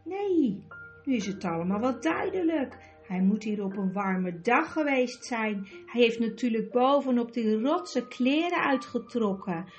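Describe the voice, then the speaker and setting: A woman voicing a gentle, perceptive young girl in a storybook reading, soft and thoughtful. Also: fairly high pitch, highs cut off.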